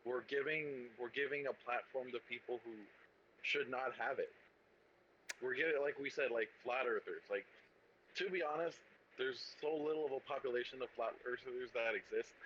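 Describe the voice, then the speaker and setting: A man's voice: medium pitch, moderate pace, lo-fi sound, slight background noise. A man chatting as a podcast guest, hesitant and restarting his sentences often. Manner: hesitant, many restarts and fillers. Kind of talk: casual podcast chat.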